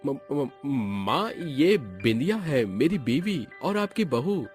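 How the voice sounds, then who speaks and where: A man's voice: fairly low pitch, very animated, a little slow, faint music behind. A man playing a nervous young husband who hesitates and stammers. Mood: timid.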